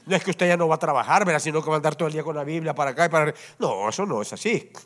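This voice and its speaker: A pastor preaching a sermon to his congregation in church, animated and often asking them to agree. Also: on the high side, racing. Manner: animated preaching, constantly asks the congregation "¿verdad?". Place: church service before a congregation.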